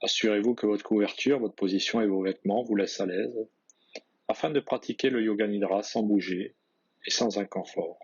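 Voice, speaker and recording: Guiding a yoga nidra relaxation, this man speaks with a husky voice that sits fairly low. His instructions are simple and measured, his phrases trail off gently, and the audio sounds a bit dull and low-fidelity.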